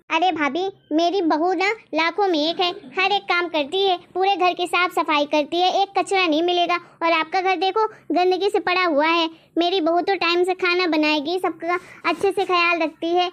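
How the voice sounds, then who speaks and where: A woman plays a nagging middle-aged aunt-in-law who brags and lectures without pause. Her voice is very high. She sounds bossy and sure of herself. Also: dull audio. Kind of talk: homemade family drama.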